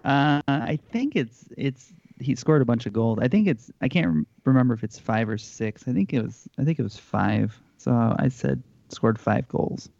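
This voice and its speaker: A man with a creaky, mellow voice chats casually as a trivia panelist. The sound is very dry and a bit dull. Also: medium pitch, lively intonation, normal speed, hardly any pauses, no room sound. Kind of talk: casual chat.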